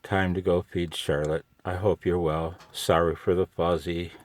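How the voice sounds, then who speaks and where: This older American man, who vlogs about amateur radio, talks casually to himself in a parked truck with a wry, folksy way about him. He has a deep voice, a level tone, and a measured pace, heard in a dry recording.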